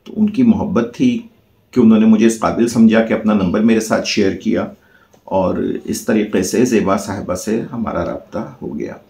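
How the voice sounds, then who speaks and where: A man's voice: on the low side, moderate pace, warm tone, reverberant. A man telling a heartfelt personal story as a channel host, in earnest, formal diction.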